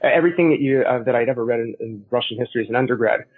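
Male interview guest, Canadian accent, slightly rough voice, talkative, heard over a tinny phone connection. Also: medium pitch, very fast. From Montreal, Canada. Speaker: guest, historian and author. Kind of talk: conversational interview answers. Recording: tinny narrow phone-like line.

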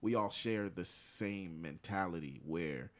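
A young man in casual chat who talks in a measured, thoughtful way. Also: deep voice, fairly bright tone.

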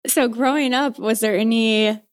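Upbeat female podcast host, fairly high voice, dry close-mic sound. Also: fairly even intonation, normal speed, clear, resonant tone, no room sound. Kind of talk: scripted narration and interview.

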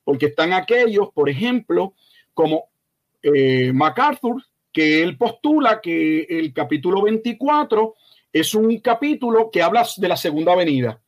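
A male pastor with a notably high-pitched voice answers questions as a guest expert. He explains in a slow, deliberate way, pausing and restarting, and firmly corrects what he calls false ideas. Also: big pitch swings. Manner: emphatic, corrective, measured explanation; slow, deliberate delivery with frequent hesitations. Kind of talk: teaching interview answer.

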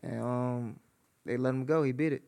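A man's voice: medium pitch, steady tone, normal speed, gravelly, a little mellow, clear, resonant tone. A man telling stories as an interview guest in loose, casual street slang with a conversational bro manner.

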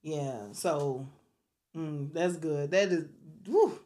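Low-voiced woman hosting a podcast. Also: a little hiss or hum. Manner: warm, churchy exclamations and slow mantra reading. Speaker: podcast host. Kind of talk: casual podcast chat.

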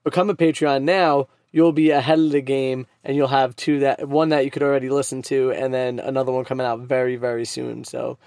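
A man's voice: medium pitch, flat delivery, fairly quick, creaky, hardly any pauses, a little mellow, no room sound, studio quality. A man co-hosting a podcast in casual, conversational chat, recorded inside a parked van. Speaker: podcast co-host.

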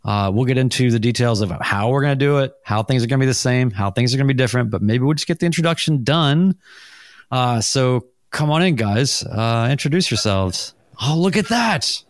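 A middle-aged man hosts a casual podcast over a video call, talking in loose, rambling runs and often laughing at himself. His voice sits at a middling pitch and sounds dry and close to the mic. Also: expressive, a little fast, no echo. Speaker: podcast host.

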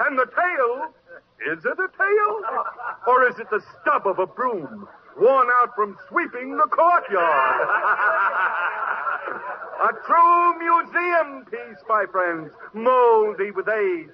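A jovial, mocking horse dealer jeers in a very high voice that leaps all over the place. The old radio recording is muffled, with a faint hiss. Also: male voice, expressive, normal speed. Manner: mocking, showy, laughing. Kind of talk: old-time radio drama acting.

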